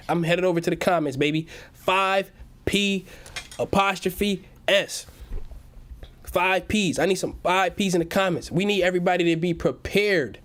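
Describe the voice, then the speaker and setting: A man with a high-pitched voice hosts a lively stock-market stream and talks straight to his chat. He hypes every point, says most lines twice, and keeps addressing viewers as "baby.". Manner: hype-man delivery, repeats each phrase, calls viewers "baby". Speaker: stock market livestream host.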